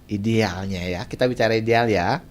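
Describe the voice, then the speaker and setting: A man guest on a radio talk show, chatty and quick to laugh, explaining things with homely examples. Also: lowish voice. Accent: Indonesian (Balinese). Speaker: nutritionist guest.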